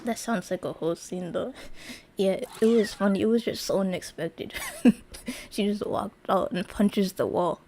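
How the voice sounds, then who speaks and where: A woman's voice: medium pitch, moderate pace, few pauses, dark tone, a little hiss or hum. A young woman streaming live, telling a story to her chat in a rambling, casual way with lots of fillers and restarts. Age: young adult.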